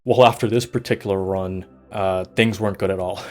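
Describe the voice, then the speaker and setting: Low-voiced man narrating a fitness vlog. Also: fairly quick. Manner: steady and matter-of-fact, listing numbers. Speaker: vlogger. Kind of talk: scripted voice-over narration.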